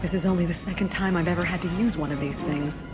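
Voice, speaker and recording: An actress playing a determined, plucky princess gunner in a science fiction audio drama, earnest and dramatic. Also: female voice, lowish voice, steady tone, fast talker, over loud music, close to an everyday voice. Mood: wry, tense. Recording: loud orchestral score behind.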